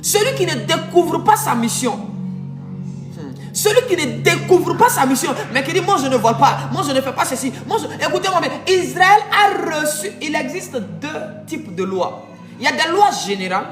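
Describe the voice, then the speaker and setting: A woman preaching a sermon, emphatic, sometimes drawing phrases out in a sung way. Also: sits high. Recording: echoey room with music behind.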